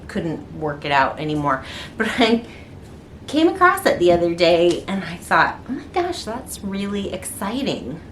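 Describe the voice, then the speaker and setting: A woman's voice: on the low side, a bit bright, slight background noise. A middle-aged woman artist chatting casually to the camera in her studio, rambling with lots of ums and restarts. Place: indoor art studio.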